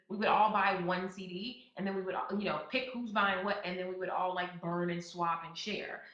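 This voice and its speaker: A woman's voice: medium pitch, sharp tone. A woman in her thirties hosting a podcast, talking casually with fillers and restarts and turning emphatic when she gives advice. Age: 30s. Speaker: podcast host. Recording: echoey, slightly dull sound.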